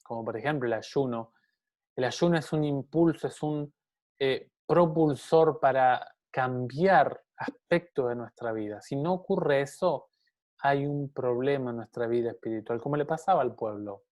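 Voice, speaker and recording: An earnest male Bible teacher delivers a sermon at a middle pitch. He speaks to his listeners directly and poses rhetorical questions as he goes. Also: a little slow, a little mellow.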